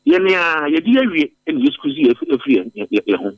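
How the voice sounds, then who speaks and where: With wildly swooping pitch on the high side, a Ghanaian man speaks fast and creakily as an interviewed policy analyst. His emphatic radio studio commentary leans on repeated phrases for force. The recording is dry and dull.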